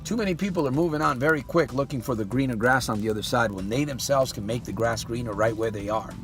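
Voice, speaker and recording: A life coach gives a motivational monologue at a quick pace, his medium-pitched voice backed by faint music. In a folksy manner he calls the listener "my friend" and keeps hitting them with rhetorical questions.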